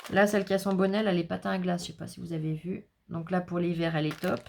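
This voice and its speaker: A woman's voice: lowish voice, little pitch movement, fast, vocal fry, darkish tone. A woman chatting casually and rambling through a crafts haul, with self-mocking asides. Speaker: crafts vlogger.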